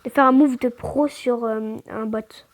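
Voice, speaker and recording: Excitable stammering woman gamer. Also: fairly high pitch, measured pace. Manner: stammers, restarts words; excitable outbursts, slangy. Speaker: gaming channel host. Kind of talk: casual gameplay commentary.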